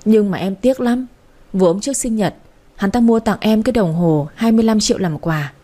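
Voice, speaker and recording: A woman's voice: mid-range voice, dark tone, natural voice. A woman voicing a heartbroken young man who cries and stammers as he talks, in a storybook reading. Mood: tearful. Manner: stammering, whimpering, hurried. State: crying.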